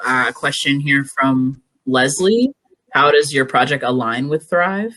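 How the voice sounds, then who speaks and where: A man's voice: medium pitch, expressive, a little slow, sharp tone, no echo, rough recording. A man acting as moderator, reading out an audience question.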